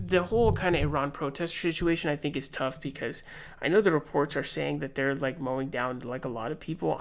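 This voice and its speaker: Rambling young man with a gravelly voice. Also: a little high. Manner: rambling, filler-heavy, reads tweets aloud. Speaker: political commentary streamer. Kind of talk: casual live-stream commentary.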